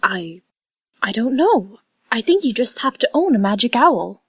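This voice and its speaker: A man voicing a flustered, uneasy mother in an audiobook, speaking in a hesitant, halting way. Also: very high voice, big pitch swings, husky, dry recording, studio quality, voice pushed up, heavily acted. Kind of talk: audiobook character voice.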